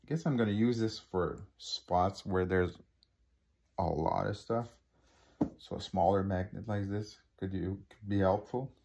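A man from Quebec speaks in a low-pitched, creaky, darkish voice at a measured pace, his Québécois accent marking him as a native French speaker. As a hobby unboxing vlogger, he films on a phone over a living-room table and talks casually, with frequent fillers and restarts.

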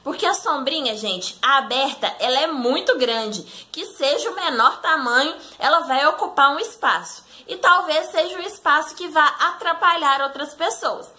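Bright high-voiced Brazilian woman vlogger. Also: lively intonation, normal speed, hardly any pauses. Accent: Brazilian Portuguese. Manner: chatty, keeps addressing the audience directly. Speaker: etiquette vlogger. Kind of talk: casual advice talk to viewers.

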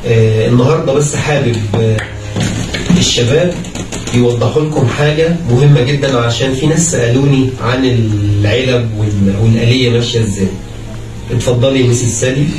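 A man's voice: mid-range voice, brisk. Echoey Egyptian man hosting a prize draw. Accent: Egyptian Arabic. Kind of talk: informal live giveaway announcement. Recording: echoey room, distant mic, music behind. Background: music.

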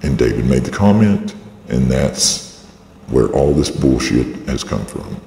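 A video blogger delivers an aggrieved, rambling, insistent personal statement through a voice changer that lowers his voice. He sounds very animated yet measured, creaky and dark, with processed, echoey audio, a long reverb, and a little hiss or hum.

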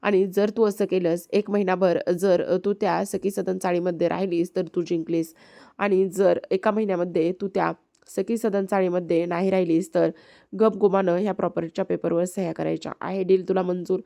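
A woman's voice: fairly low pitch, steady tone, normal speed, vocal fry, mellow. A woman voicing a domineering middle-aged matriarch who heads a family business, in commanding, scolding quoted lines from a serial recap.

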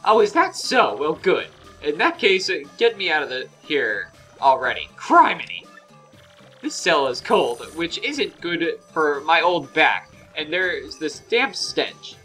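A man's voice: fairly high pitch, big pitch swings, measured pace, bright, forceful tone, soft background music, exaggerated voice. A man doing a cranky old elder, scolding. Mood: grumpy. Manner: lecturing, gruff old-person voice.

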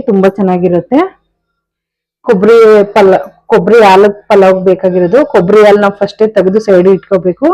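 A woman's voice: mid-range voice, warm tone, low-quality recording. A young woman, chatting casually to her viewers while doing chores and cooking in her home kitchen. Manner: chatty, talks straight to viewers. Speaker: vlogger. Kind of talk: casual home vlog narration.

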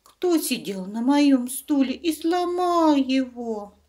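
An indignant little boy bear cub from a storybook fairy tale, acted by a woman. The voice is high, thin and squeaky, swooping with excitement. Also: takes it slowly. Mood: indignant, whining. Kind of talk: children's fairy-tale character voice.

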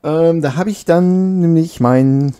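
A man's voice: on the high side, unhurried, warm tone, smooth. A man giving casual, joking commentary while he plays a video game at home on a makeshift mic, scolding his character now and then. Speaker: let's play gamer. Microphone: makeshift home mic setup.

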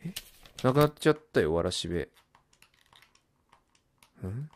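A man's voice: lowish voice, big pitch swings, a little slow. Jumpy man yelping through a horror game. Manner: jumpy, bursts into loud startled yelps; mutters and reads game text aloud. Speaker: let's play gamer.

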